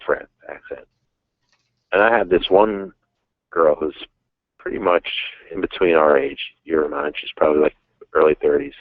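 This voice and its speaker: The very deep voice belongs to a man in his thirties who calls in and chats casually about himself, frank, rambling and self-mocking. The recording is dry, carried over a dull phone line.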